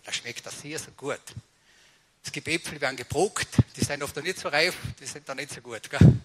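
A man preaching a sermon in a conversational, storytelling way, often tagging his sentences with questions to the congregation. He swings between loud excited bursts and quiet, low-voiced passages. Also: brisk, slight background noise. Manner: conversational, animated storytelling with frequent tag questions.

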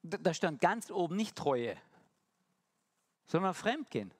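A man preaching a sermon, shifting between quick asides and slow, emphatic lines and putting rhetorical questions to the congregation. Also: sits high, big pitch swings.

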